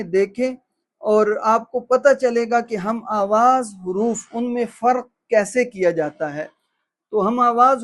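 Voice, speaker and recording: A man with a Pakistani Urdu accent giving a tajweed lesson, slowly and deliberately drilling the sounds of similar letters. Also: very high-pitched. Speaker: Quran recitation teacher.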